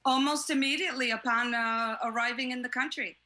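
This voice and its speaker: A woman's voice: on the high side, steady tone, brisk, bright, forceful tone. A woman born in Cuba and raised in New York, a classic film fan, answering interview questions over a video call with frequent hesitations. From born in Cuba, grew up in New York. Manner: hesitant with many fillers, enthusiastic.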